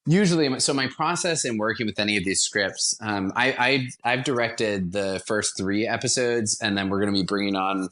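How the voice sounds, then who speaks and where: As an interview guest, a man enthusiastically and conversationally explains his creative work directing radio theatre. His voice sits on the low side, a bit bright, moving at normal speed with few pauses.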